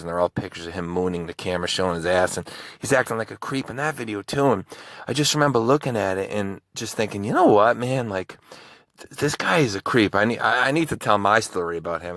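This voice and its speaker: A man's voice: low-pitched, a bit bright, no room sound. A man who hosts true crime videos, telling a personal story in a casual, rambling way with many restarts.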